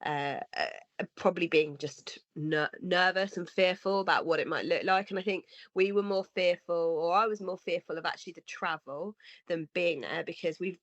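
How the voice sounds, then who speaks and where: Sniffly with a cold, this thirty-something podcast co-host sounds a touch nasal and husky as she talks in earnest, casual conversation, often rambling and starting over. Her lowish voice is a bit bright and moves at a moderate pace, captured in a dry, somewhat dull lo-fi recording with no echo.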